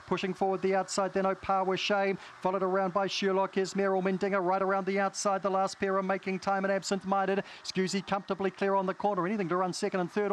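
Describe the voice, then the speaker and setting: High-pitched New Zealand greyhound race caller, male. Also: slight background noise. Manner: clipped phrases, listing runners in order. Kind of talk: live race commentary.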